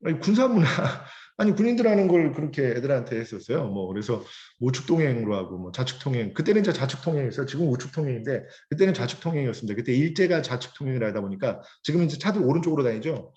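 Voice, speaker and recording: A middle-aged man teaching a poem in a lively lecture, acting out sneering laughs and scolding voices. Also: mid-range voice, quick pace, few pauses. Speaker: literature teacher. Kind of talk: poetry lecture. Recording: dull lo-fi recording.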